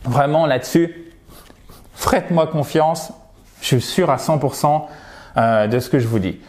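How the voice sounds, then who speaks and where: A French-speaking man teaching English pronunciation in an online lesson, lively and coaching, modeling words by repeating them. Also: fairly high pitch, measured pace.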